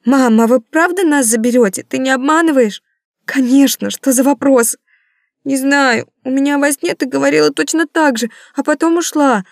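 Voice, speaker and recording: A woman voicing a small anxious girl who pleads in a high, tearful child voice. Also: moderate pace, creaky, no echo, clean studio sound.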